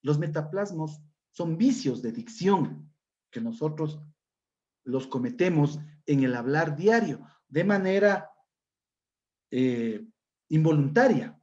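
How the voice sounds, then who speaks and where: A male teacher lectures an online class, explaining with examples and checking in with his students. His voice sits fairly high. The audio is dull and lo-fi, like a video call. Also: animated, slow, pauses often, a little mellow. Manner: explains with examples, often asks "¿no es cierto?".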